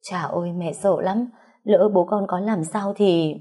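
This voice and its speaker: A woman's voice: fairly low pitch, steady tone, a little slow, warm tone, slightly rough. A woman reader voicing a frantic middle-aged mother who pleads through tears in a storybook reading. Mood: tearful. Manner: tearful, pleading.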